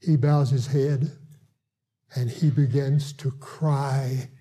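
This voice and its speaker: Husky, dark-voiced man telling a testimony. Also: medium pitch, fairly even intonation, takes it slowly. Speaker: hospital evangelist. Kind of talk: testimony storytelling.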